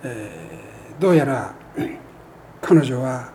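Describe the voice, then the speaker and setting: A man preaching a sermon as a pastor, speaking earnestly with emphatic rises and measured pauses. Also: medium pitch, lively intonation, darkish tone, a little hiss or hum.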